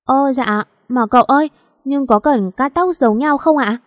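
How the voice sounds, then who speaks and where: A woman's voice: high-pitched, moderate pace, dry recording, studio quality, voice pushed up, natural voice. A woman voicing a naive, weepy young female servant who pleads in a whiny, tearful way. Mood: eager.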